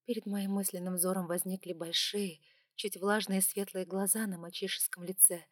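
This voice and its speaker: A woman's voice: mid-range voice, little pitch movement, normal speed, dry recording. Woman narrating a novel, dry and close. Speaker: audiobook narrator. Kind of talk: first-person audiobook narration.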